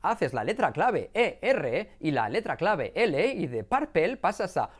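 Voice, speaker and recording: Guy teaching english sounds, super animated pitch, jokes around, repeats words a lot. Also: a little slow. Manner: animated, jokey, sings snippets and repeats words in drills. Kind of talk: playful video lesson.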